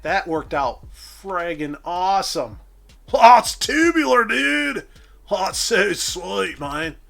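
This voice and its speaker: A man's voice: high-pitched, very animated, vocal fry, fairly bright tone, faint music behind, pitched above the performer's own voice, exaggerated voice. A man putting on a drawling stoner dude. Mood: mellow. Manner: slow drawling slang. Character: laid-back stoner surfer dude, male.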